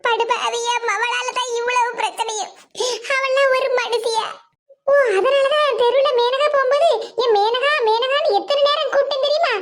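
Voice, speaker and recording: A woman doing a shrill wailing old grandmother. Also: steady tone, moderate pace, very noisy. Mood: tearful. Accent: Kanyakumari Tamil. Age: over 70 (figure). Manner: lamenting, self-blaming. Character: grieving old village grandmother, fretful. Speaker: cartoon voice. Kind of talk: animated comedy voice acting.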